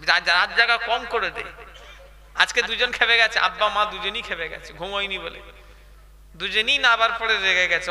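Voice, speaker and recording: A man's voice: high-pitched, pushed and bright, big-room sound. A man preaching a waz sermon, chatty and quizzing the crowd with questions.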